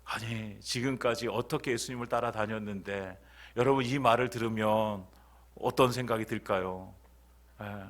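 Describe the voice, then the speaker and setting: A man's voice: lowish voice, fairly even intonation, moderate pace. A male pastor preaching a sermon at a church service, who poses rhetorical questions to the congregation and repeats key phrases.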